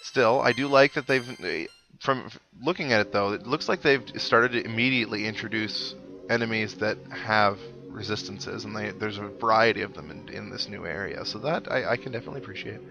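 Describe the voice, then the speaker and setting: Gravelly and lowish, a man talks fairly quickly while playing through a video game for his series, his commentary casual, wry, and rambling as he thinks aloud. Loud game music drowns a dull lo-fi mic.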